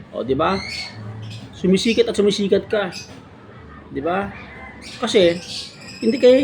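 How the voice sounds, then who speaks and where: High-voiced sarcastic man with noisy background. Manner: sarcastic, keeps asking "di ba?". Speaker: motovlogger. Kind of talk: mock motivational monologue.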